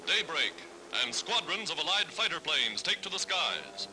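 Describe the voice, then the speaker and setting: A man's voice: on the high side, big pitch swings, normal speed, noisy background. A man narrating an old wartime newsreel in a dramatic, rousing delivery. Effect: old newsreel sound. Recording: old newsreel with music behind.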